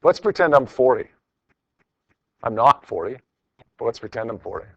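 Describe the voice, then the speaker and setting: A middle-aged physics teacher lectures a high school class at normal speed, his mid-range voice sing-song with vocal fry. He works through problems informally and encouragingly, repeating phrases for emphasis. The recording is dry and muffled.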